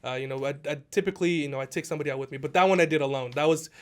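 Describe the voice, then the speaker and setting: Fast-talking high-voiced man telling stories. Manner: animated, laughing, acts out quoted people. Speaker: podcast guest, real estate agent. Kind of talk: casual storytelling.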